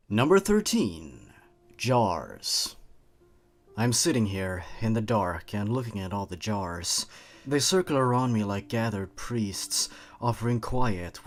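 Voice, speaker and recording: A man with a fairly low voice narrates eerie short stories from a script, measured and deliberate. As the tension builds his voice drops to a hush, yet the pace stays even throughout.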